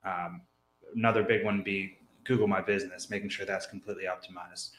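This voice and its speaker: Man, low voice, laid-back, list-like talk, roomy room sound. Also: fairly even intonation, a little fast, a bit bright. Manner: laid-back, lists items with fillers. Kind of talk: casual podcast chat.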